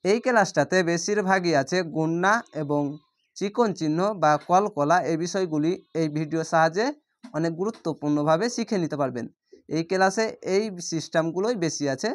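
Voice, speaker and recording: A man teaching Quran reading, patiently spelling out each letter and vowel mark and then drawing out the Arabic words slowly. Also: on the high side. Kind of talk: spelling-out Quran recitation lesson.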